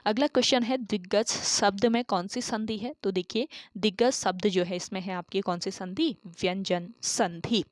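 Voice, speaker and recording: A woman's voice: mid-range voice, moderate pace, hardly any pauses, dry recording, clean studio sound. A woman teaching an exam-prep lesson who asks questions and then answers them herself, repeating key terms. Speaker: Hindi exam tutor.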